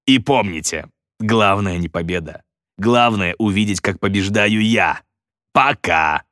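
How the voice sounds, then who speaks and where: A man's voice: on the low side, measured pace, fairly bright tone, dry recording, clean studio sound. A man voicing a vain, boastful male stage magician who gloats and sneers theatrically. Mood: gloating.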